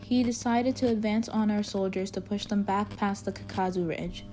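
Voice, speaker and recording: A woman's voice: medium pitch, steady tone, normal speed, warm tone, a little hiss or hum, lightly acted, poor audio. A woman playing a solemn, patriotic 1940s wartime radio news reporter, reading a formal, earnest script. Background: music.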